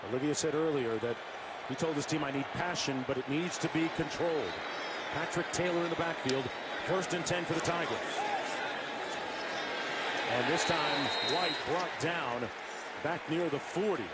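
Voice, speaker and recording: Male sports announcer, fairly high voice, terse play calls, live football commentary, loud stadium ambience. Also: normal speed, long pauses. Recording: loud crowd-like stadium noise.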